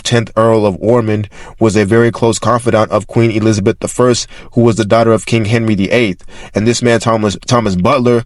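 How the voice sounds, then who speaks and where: Presenting archive records, a man with a lowish voice reads them out in a casual, explanatory way, frequently restating and rewording things. The studio-quality recording has no room sound.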